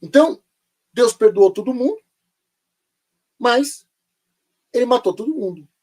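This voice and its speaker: A man's voice: extremely high pitch, lively intonation, unhurried, darkish tone. A man teaching a live online Bible lesson, sarcastic and full of rhetorical questions.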